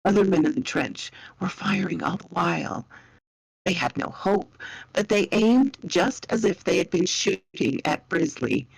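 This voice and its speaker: A woman narrating a dramatic story in a slow, measured way. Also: lowish voice, expressive, vocal fry, no room sound, low-quality recording.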